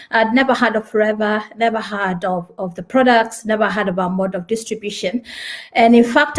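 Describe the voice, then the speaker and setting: A Kenyan woman in her forties, a lawyer and business presenter, shares her personal story and presents her company with enthusiasm and a few hesitant restarts. Her voice is mid-range and a little mellow.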